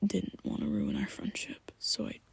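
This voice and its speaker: In an ASMR roleplay, a woman plays a shy, tender young male vampire who is the listener's best friend. She whispers softly in hesitant, halting phrases, her voice close to an everyday one, with no room sound at all.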